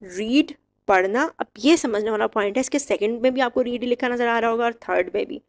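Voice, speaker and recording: A woman with a slightly high voice gives a vocabulary lesson on English verb forms. She recites each word slowly and clearly in a drilled, word-by-word manner and adds short explanations.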